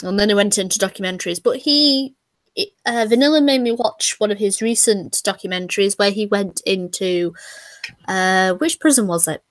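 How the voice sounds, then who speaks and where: A woman's voice: medium pitch, moderate pace, no echo, studio quality. A woman co-hosting a casual stream chat, laughing and poking fun at herself. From Britain. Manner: chatty, laughing, self-mocking. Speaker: co-host.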